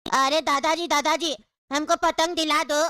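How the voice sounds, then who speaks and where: A woman's voice: high voice, steady tone, measured pace, bright, forceful tone, dry recording. Woman voicing a whiny pleading little boy. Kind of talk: cartoon comedy.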